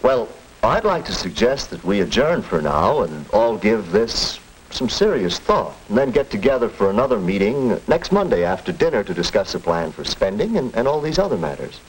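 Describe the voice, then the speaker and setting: A sensible family father in a 1940s educational drama. He talks formally and deliberately in a lowish voice with lively swings. A faint hiss runs under the old film soundtrack. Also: low-quality recording. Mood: measured, guiding. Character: reasonable, measured middle-aged family father. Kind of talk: stagey scripted 1940s educational film acting.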